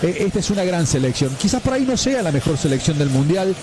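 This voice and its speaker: A man giving measured, emphatic opinions on a sports radio show. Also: on the high side, very animated, noisy background.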